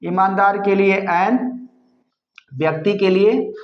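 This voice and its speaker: A man teaching English grammar in Hindi, explaining slowly and repeating himself, spelling words out letter by letter. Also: high voice. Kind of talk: Hindi-language grammar lesson. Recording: echoey room, slightly dull sound.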